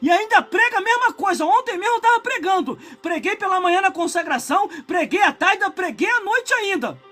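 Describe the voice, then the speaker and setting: Brazilian pastor in his 40s, live-streamed sermon, pitched high, fervent and prone to shouting, quiet music underneath. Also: animated, fairly quick. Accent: Brazilian Portuguese. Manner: impassioned preaching that swells into shouts, broken by chatty asides to viewers.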